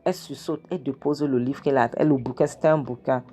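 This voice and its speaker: A woman's voice: rumbling low, steady tone, fast, mellow, slightly rough, faint music behind. A woman casually retelling a film scene by scene from her kitchen, acting out the characters' lines with animation. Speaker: film recap narrator. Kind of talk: casual film recap storytelling.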